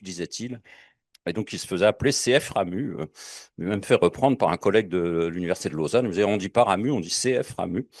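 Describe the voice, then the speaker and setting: A man's voice: lowish voice, darkish tone. A man giving a public lecture, talking in a digressive way with many fillers and asides.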